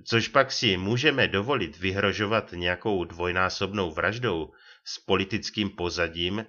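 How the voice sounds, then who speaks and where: A man's voice: low voice, sharp tone, highs cut off. A man voicing an indignant, exasperated police first lieutenant who scolds in rising tones.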